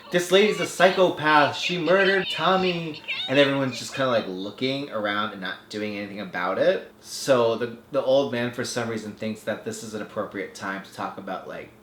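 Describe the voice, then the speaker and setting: A man's voice: lowish voice, normal speed, hardly any pauses, roomy sound, background noise. A man hosting a film podcast, recapping a movie in a sarcastic, casual way and acting out the characters.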